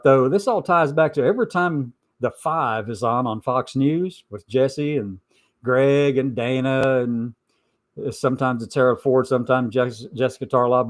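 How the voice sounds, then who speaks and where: A man hosting an informal opinion show, stressing and repeating his points with sarcastic asides. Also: mid-range voice. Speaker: host of a commentary show.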